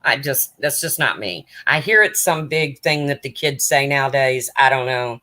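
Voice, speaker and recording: A woman who streams true crime content talks through a casual live chat, answering viewers' comments one after another. Her low voice is deep and raspy yet bright and placed forward, and she sounds expressive at a moderate pace. The mood stays chatty and relaxed.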